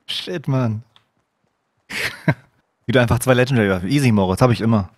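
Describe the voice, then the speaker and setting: A man streaming a game live, chatting to viewers and breaking into excited shouts, dropping to a hushed mutter when he sneaks. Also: mid-range voice, dry recording, clean studio sound. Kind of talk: live gameplay commentary. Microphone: desk microphone.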